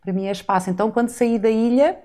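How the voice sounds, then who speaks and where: A woman in her forties from the Azores, Portugal, tells her life story as a podcast guest in a casual interview. Her voice is on the high side, warm, and rapid-fire, and she's reflective, full of rhetorical asides.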